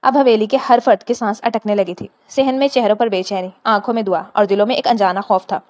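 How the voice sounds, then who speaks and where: A woman narrating a romantic audio novel in a steady, expressive reading. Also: mid-range voice, no room sound.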